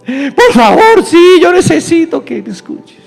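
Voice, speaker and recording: A preacher voicing a distraught grown man who pleads through his sobs, in a high strained voice. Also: sing-song, measured pace, creaky, full character voice. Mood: pleading. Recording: reverberant church hall, soft music.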